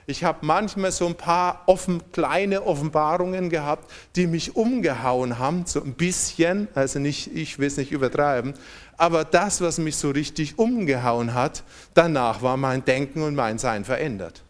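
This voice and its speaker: A man's voice: on the high side, moderate pace. A man preaching a sermon, reading scripture aloud with strong emphasis and calling on the congregation to respond.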